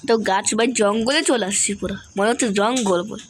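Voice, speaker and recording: A woman's voice: mid-range voice, a little fast, slight background noise. A young woman chatting casually over a game, quizzing her viewers and calling them brother. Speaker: gaming video creator. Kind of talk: casual gameplay commentary.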